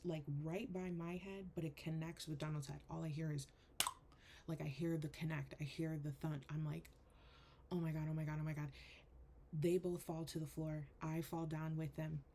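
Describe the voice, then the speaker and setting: A young woman and spiritual coach telling a painful personal story in an earnest, halting way, full of "like". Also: sits low, fairly even intonation, dark tone, slight background noise.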